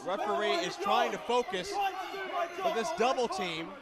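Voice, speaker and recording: A man's voice: very high voice, big pitch swings, a little slow, over a noisy crowd. A man working as a wrestling play-by-play commentator, calling the match live in emphatic, clipped phrases. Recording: noisy arena recording.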